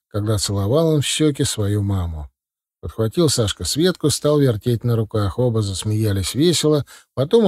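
Мужчина-чтец ровно и спокойно читает художественную прозу вслух. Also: male voice, mid-range voice, no echo, clean studio sound. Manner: steady, even storytelling. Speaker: audiobook reader. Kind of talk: audiobook narration.

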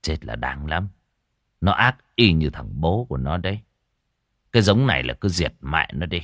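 A man's voice: rumbling low, big pitch swings, moderate pace, fairly bright tone, dry recording, clean studio sound, pitched below the performer's own voice, heavily acted. A man voicing a bitter, foul-mouthed male villager who speaks coarsely. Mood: scornful. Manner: coarse and angry.

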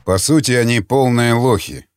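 A man voicing a calm, commanding seasoned scavenger who speaks tersely and bluntly. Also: mid-range voice, moderate pace, clean tone, dry recording, clean studio sound, soft background music, lightly acted. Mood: matter-of-fact. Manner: terse, blunt, matter-of-fact.

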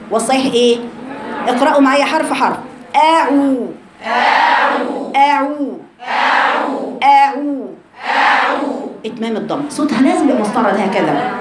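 A woman with an Egyptian accent teaching Quran recitation to a class of women, correcting mistakes and drilling sounds with repeated drawn-out syllables. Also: a little high, background noise. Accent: Egyptian Arabic. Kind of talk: tajweed lesson to a class. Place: room with a group of women students. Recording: echoey room with crowd chatter.

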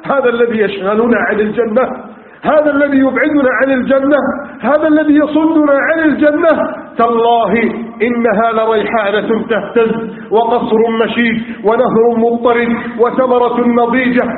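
A man's voice: very high voice, fairly even intonation, moderate pace. Guy preaching a sermon, fired-up storytelling, sounds like a phone line, big echoey hall. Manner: impassioned storytelling with rhetorical lists. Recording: tinny, echoey hall recording.

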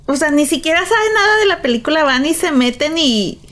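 A woman's voice: sits high, expressive, brisk, fairly bright tone. A woman with a Mexican accent chatting casually in an emphatic, slangy way. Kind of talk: casual chat.

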